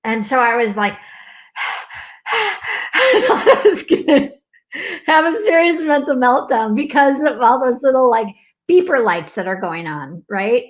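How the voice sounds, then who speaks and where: A middle-aged woman telling a personal story in a casual way, animated and full of likes, acting out alarms and laughing often. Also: on the high side, normal speed. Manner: talks in loose fragments with many likes. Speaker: host.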